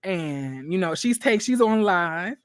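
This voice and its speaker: A man's voice: high-pitched, lively intonation, slow pace, no echo, clean studio sound. A man hosting a livestream recap of a reality show, reading viewer comments and answering in a blunt, sassy, profane way with many rhetorical questions.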